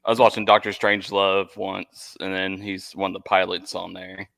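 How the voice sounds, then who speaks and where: A man with a low, gravelly voice chats as a podcast guest, animated and quick to laugh. His tone is sharp and bright, and the sound is dry and close. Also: no echo. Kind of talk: casual podcast chat.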